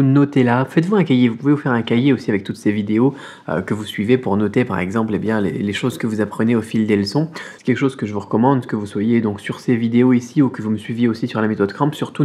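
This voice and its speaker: Husky-voiced upbeat male language teacher. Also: mid-range voice, mellow. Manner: upbeat, enthusiastic explaining; slows to spell out syllables. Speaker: Mandarin teacher. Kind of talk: online language lesson.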